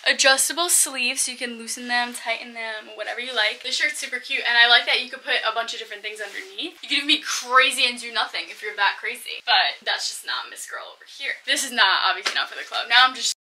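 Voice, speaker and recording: A woman's voice: on the high side, fast talker, few pauses, bright, forceful tone. A woman in her twenties chatting casually and emphatically, gushing and swearing, recorded by a camera across a small bedroom. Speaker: vlogger. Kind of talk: casual chatty clothing haul. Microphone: camera across the room. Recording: distant mic, faint background noise.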